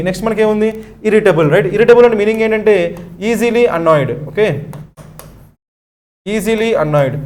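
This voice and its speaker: A young man with a Telugu accent teaches an exam-prep class. His voice sits high and he talks at a quick clip. He keeps quizzing the class and answers each question himself. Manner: asks the class questions and answers them himself, tags lines with 'right?'.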